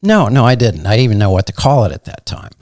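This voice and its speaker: A man with a Midwestern accent, a meteorologist guest telling stories in a casual, unhurried way with many fillers. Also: on the low side, sing-song, dry recording, studio quality. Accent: Midwestern American. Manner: soft-spoken, unhurried, fond of fillers. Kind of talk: casual interview storytelling.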